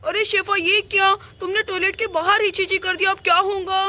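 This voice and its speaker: A woman's voice: extremely high pitch, little pitch movement, brisk, sharp tone. A woman voicing a flustered, apologetic father and henpecked husband in a doll play, pleading with his family.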